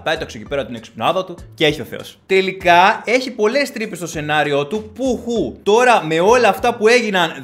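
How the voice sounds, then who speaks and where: Sarcastic man in his thirties. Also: high-pitched. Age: 30s. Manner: sarcastic, animated, switches voices. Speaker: movie reviewer YouTuber. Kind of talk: reading and answering viewer comments.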